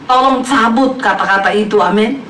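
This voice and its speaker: Slightly high and a bit bright, the woman's voice keeps a moderate pace as she preaches a lighthearted sermon to her congregation. She mimics people from her stories and often laughs, all captured from a distance in an echoey church hall with crowd sounds.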